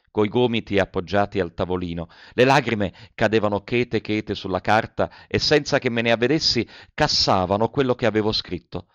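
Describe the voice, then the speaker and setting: A man reading a first-person letter novel aloud with emotional, lingering delivery and soft pauses. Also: fairly low pitch, dry recording. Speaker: audiobook reader. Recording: dull, dry lo-fi audiobook recording.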